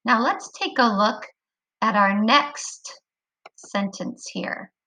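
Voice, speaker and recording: A woman teaching a kindergarten phonics lesson online, speaking clearly and encouragingly to young children. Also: medium pitch, slow pace, bright, forceful tone, rough recording.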